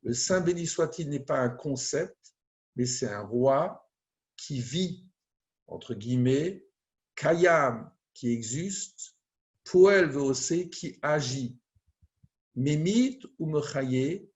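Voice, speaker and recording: A man, a rabbi, teaching a prayer text in a slow, deliberate way, reading Hebrew phrases and translating them one by one. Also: medium pitch, expressive, darkish tone.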